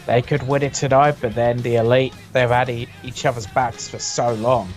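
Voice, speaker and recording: A man's voice: mid-range voice, little pitch movement, moderate pace, faint music behind. A man giving conversational analysis as a pundit on a wrestling preview.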